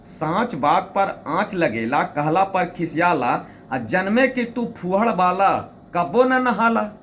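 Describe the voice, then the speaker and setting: Man doing a talking sock, sharp-tongued, mocking, rhyming retorts, lively pitch. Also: slow pace, slight background noise, full character voice.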